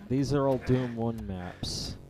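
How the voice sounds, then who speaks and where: Man, middle pitch, low-key gamer muttering reactions, loud game music behind. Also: takes it slowly, rough recording. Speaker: streamer playing the game. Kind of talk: casual gameplay commentary.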